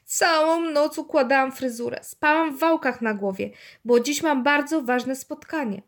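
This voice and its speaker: A woman's voice: high-pitched, moderate pace, a little mellow, pitched above the performer's own voice. A woman voicing a flustered mother complaining on the phone about her ruined hair, in a children's storybook reading. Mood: upset. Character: upset mother on the phone, fussing.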